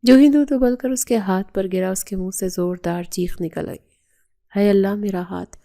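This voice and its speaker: A woman narrator reading a romantic novel as a bedtime story in a steady storytelling manner. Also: medium pitch, vocal fry.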